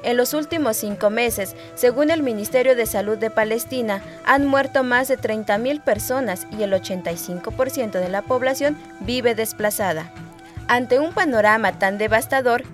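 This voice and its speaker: A woman hosting a community radio program, reading a scripted narration in a clear, measured way. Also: on the high side.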